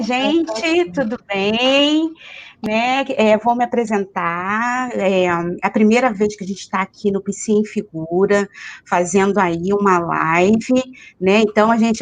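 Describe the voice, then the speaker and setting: Woman hosting a live chat over a video call. Her voice is a bit high, and she hesitates a lot with tag questions. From Rio de Janeiro, Brazil. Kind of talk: casual live-stream chat.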